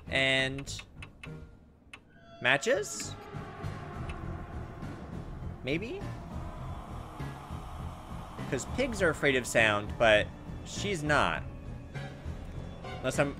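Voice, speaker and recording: This gaming host's mid-range voice is very animated yet slow, with frequent pauses, as he offers casual commentary on his playthrough. Over the game music, he thinks aloud, talks to himself, and reads on-screen text.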